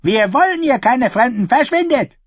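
A man reading aloud as a hostile peasant woman who curtly shouts strangers away. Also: extremely high pitch, animated, moderate pace, dry recording, lo-fi sound, voice pushed up. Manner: curt, shouting from above.

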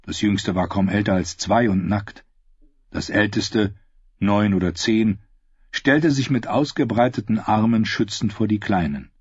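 A man narrating an audiobook in an expressive, measured way. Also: lowish voice, husky, dry recording, dull audio.

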